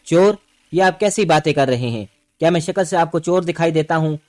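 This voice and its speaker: A man's voice: fairly high pitch, a little mellow, lightly acted. A man voicing a desperate young husband who begs and pleads in an audio story. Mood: indignant. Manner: begging, pleading.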